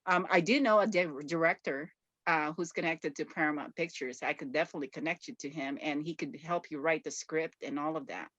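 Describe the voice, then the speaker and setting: A woman's voice: low voice, a little fast, a bit bright, dry recording, highs cut off. A woman from the Philippines hosting an interview, enthusiastic and effusive with praise. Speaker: interview host. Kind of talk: casual interview conversation.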